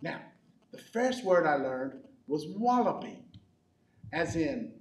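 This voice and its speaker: A man playing a goofy, bumbling croc-hunting adventurer for a kids' comedy skit, rambling with deadpan jokes. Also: fairly high pitch, slow pace. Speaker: children's ministry skit character. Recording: echoey hall from far off.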